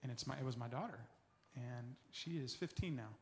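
A man in his forties giving an earnest personal recovery testimony, often dropping soft and low as he tells his story. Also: fairly quick.

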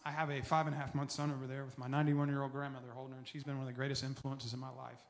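Guy in his 40s telling his testimony, earnest, mid pitch, gets quiet and low on the hard bits. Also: little pitch movement, rapid-fire. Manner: earnest storytelling, often dropping soft and low. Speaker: recovery testimony speaker. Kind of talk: personal testimony talk.

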